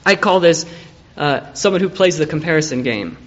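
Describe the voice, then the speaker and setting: Higher-voiced man preaching, lo-fi. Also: animated, normal speed. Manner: conversational, acts out quoted people. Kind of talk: evening sermon.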